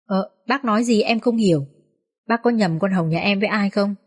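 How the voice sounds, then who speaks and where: A woman's voice: medium pitch, moderate pace, no echo, clean studio sound, natural voice. A woman voicing an older village mother who pleads and laments. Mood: timid.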